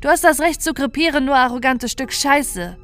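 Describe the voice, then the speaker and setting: Woman reader voicing a furious elf lord, raised high loud voice, shouting defiance. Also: expressive, normal speed, faint music behind. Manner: shouting, heated.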